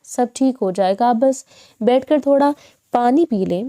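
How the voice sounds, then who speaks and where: A woman's voice: fairly high pitch, warm tone, natural voice. A woman voicing an outspoken young bride who pleads with her mother in a reproachful tone. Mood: pleading.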